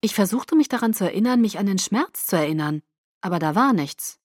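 A woman reading a first-person novel aloud as an audiobook narrator, soft and intimate. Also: medium pitch, lively intonation, brisk, no room sound. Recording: dry close studio sound.

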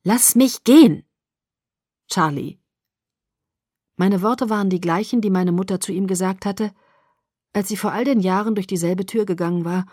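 A woman narrating a first-person audiobook in a measured, expressive storytelling voice. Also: mid-range voice, no room sound, studio quality.

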